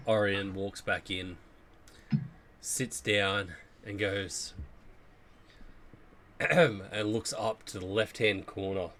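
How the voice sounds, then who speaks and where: A man's voice: on the low side, fairly bright tone, a little hiss or hum. A man narrating as game master, loosely searching for words with um and like.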